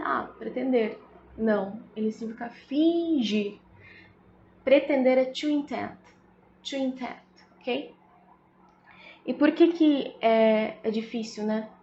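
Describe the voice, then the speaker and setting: A woman's voice: fairly high pitch, a little mellow, slight background noise. Brazilian woman teaching in an echoey room. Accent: Brazilian Portuguese. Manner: explains slowly, often adds "né?" and "tá?". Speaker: English teacher. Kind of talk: casual video lesson. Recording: echoey room, slightly dull audio.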